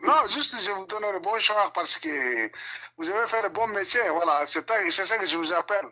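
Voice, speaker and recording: A man's voice: high voice, brisk, sharp tone. A man calling in to a live show, talking casually with his phone held away from his mouth, friendly and repeating short words. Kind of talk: casual call-in chat.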